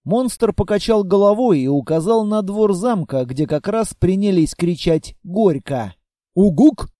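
A man narrating a fantasy story in an expressive, steady storytelling manner. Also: sits high, measured pace, dry recording, clean studio sound. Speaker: audiobook narrator. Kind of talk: scripted narration of a fantasy tale.

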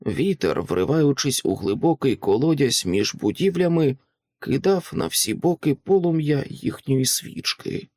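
A man narrating an audiobook in a dramatic, expressive reading style on a close microphone. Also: mid-range voice, unhurried, no room sound. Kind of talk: scripted literary narration.

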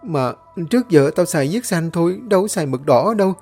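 A man doing a panicky shrill schoolgirl. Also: animated, fairly quick, darkish tone, soft background music. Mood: frightened. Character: frightened teenage schoolgirl.

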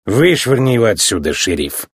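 A man voicing a stern older male judge car, gruff and commanding. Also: medium pitch, very animated, moderate pace, dry recording, clean studio sound.

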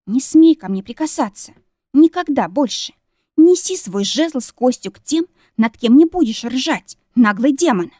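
A woman reading the part of a young, touchy bride in an audiobook, raising her voice into loud, tearful outbursts. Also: high-pitched, lively intonation, measured pace, no echo, studio quality, pitched above the performer's own voice. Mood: furious.

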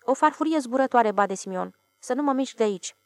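A woman's voice: on the high side, animated, dry recording, studio quality. A woman voicing a frightened village man, insisting with oaths that he saw a flying saucer. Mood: pleading. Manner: pleading, emphatic, swearing oaths.

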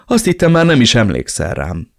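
A man voicing a cold, calmly menacing male traitor speaking on the phone in an audiobook. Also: mid-range voice, gravelly, dry recording, studio quality, full character voice. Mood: cold, mocking.

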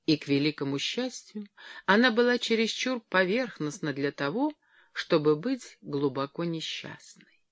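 A reader giving an expressive audiobook narration of a comic story. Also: medium pitch, a little slow, dry recording.

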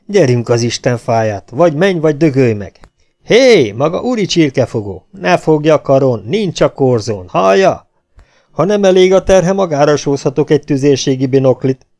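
A man's voice: fairly high pitch, animated, a little mellow, voice pushed up. A man voicing a coarse, bullying legion corporal who bellows and curses in an audiobook. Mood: bellowing. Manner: bellowing, cursing.

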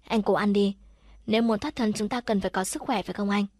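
A woman's voice: mid-range voice, fairly even intonation, quick pace, a little mellow, no echo, studio quality, close to an everyday voice. Frightened brave young woman captive, read by a woman. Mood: coaxing.

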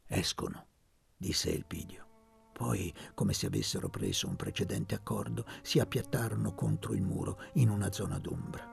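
A man reading a literary novel aloud in a measured, expressive narration. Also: sits low, gravelly, music in the background. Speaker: audiobook reader.

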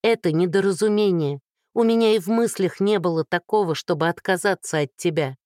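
A woman voicing a hoarse, whispery young heroine in an audiobook, remorseful and loving. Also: lowish voice, fairly quick, a little mellow, no echo, studio quality, voice pushed up, lightly acted. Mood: insistent. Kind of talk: audiobook reading.

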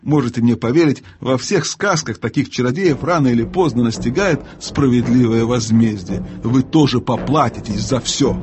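A man's voice: medium pitch, normal speed, hardly any pauses, natural voice. A man doing a brave outspoken boy. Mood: defiant. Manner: blunt, indignant.

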